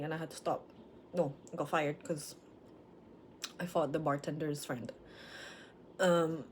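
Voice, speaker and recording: Woman, late twenties, slightly low voice, frank and rambling, personal vlog. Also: darkish tone, slight background noise. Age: late 20s. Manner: frank, rambling, self-questioning. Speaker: vlogger. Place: at home with dogs.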